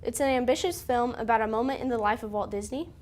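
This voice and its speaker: A woman's voice: on the high side, quick pace, a little mellow. A teenage girl, a student filmmaker, chatting in an interview with many fillers. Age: teens. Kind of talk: casual interview.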